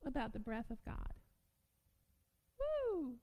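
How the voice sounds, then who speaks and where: A woman preaching a sermon, excitable and prone to shouting out her points with sudden bursts. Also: high-pitched, slow, rough recording.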